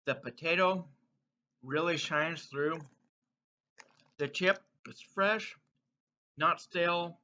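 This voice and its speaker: In a casual snack review vlog, a high-voiced, bright-sounding host speaks slowly and pauses often, munching crunchy chips between comments. The audio is dull, muffled and lo-fi.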